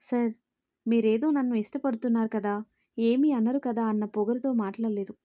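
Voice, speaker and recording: An earnest, outspoken young woman who pleads and stands firm, from a spoken storybook, read by a woman. The voice is fairly high and mellow, with a dry, close sound. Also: a little fast, no echo, lightly acted. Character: young woman, a firm and caring caretaker of a little girl.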